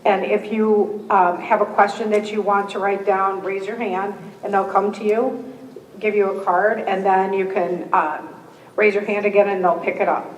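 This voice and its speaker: Moderating a candidate forum, a woman reads the scripted opening rules and drops in friendly, joking asides. Her medium-pitched voice is slightly hoarse, as if she's losing it, with little pitch movement, normal speed and a faint hiss or hum. The meeting room holds a live audience, and the distant mic picks up an echoey hall.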